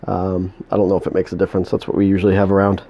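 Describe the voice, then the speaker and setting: Speaking in a low, monotone, dark voice, a New England man walks through a recipe at home. The demonstration is casual, full of mumbling, hesitations and frequent restarts.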